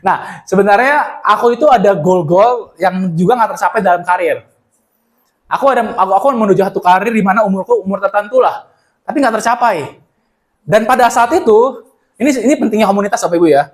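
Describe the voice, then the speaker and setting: Pemuda berkhotbah cepat dan bersemangat. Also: male voice, high-pitched, fairly quick. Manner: animated, acts out Bible scenes in slang. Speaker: church speaker. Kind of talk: casual sermon sharing.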